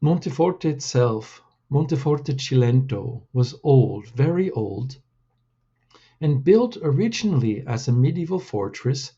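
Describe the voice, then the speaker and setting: A man reading his own storybook aloud in a deliberate, measured way. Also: medium pitch, mellow, slightly rough, highs cut off.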